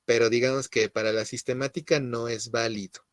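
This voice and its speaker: A man's voice: mid-range voice, steady tone, fairly quick, no room sound. A middle-aged man giving a classroom lecture, explaining step by step and often checking in with his students. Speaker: university lecturer.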